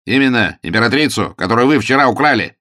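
A man voicing a brash, forceful aristocrat who talks loudly and theatrically in an audiobook. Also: medium pitch, animated, fast, dry recording, clean studio sound, pitched above the performer's own voice. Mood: accusing. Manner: loud commanding theatrical.

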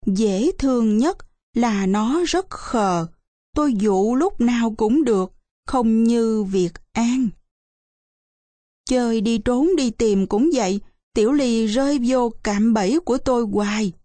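A woman's voice: fairly high pitch, no room sound. Woman narrating a storybook. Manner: measured, expressive storytelling. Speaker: audiobook narrator.

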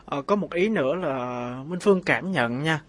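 A man with a moderately high voice co-hosts a relationship advice programme. He talks conversationally and reflectively, softening his opinions as he offers them. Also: animated, normal speed. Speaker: radio co-host giving relationship advice.

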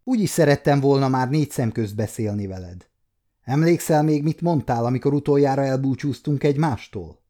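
A man in his fifties voicing an excitable, quick-tempered young male nobleman who raises his voice when stirred. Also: medium pitch, lightly acted. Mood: confiding. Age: 50s.

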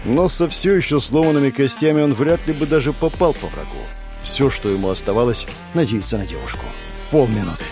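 Male audiobook narrator, animated, dramatic fantasy reading, soft music behind. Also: mid-range voice, a little fast, hardly any pauses.

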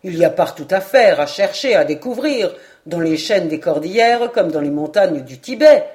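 A woman voicing a composed male Scottish lord with a dry sense of humor, speaking calmly and deliberately. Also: fairly low pitch, lightly acted. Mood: teasing. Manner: calm, deliberate, teasingly serious.

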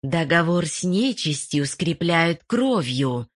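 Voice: medium pitch, very animated, slow. A narrator voicing a chorus of malicious female forest spirits, hissing and gloating, in an audiobook. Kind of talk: audiobook voice acting.

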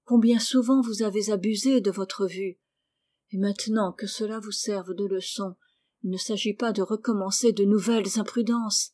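A woman's voice: medium pitch, mellow, close to an everyday voice. A woman voicing Rose, a caring teenage girl who pleads with her cousin in an emotional, motherly way, in a storybook reading.

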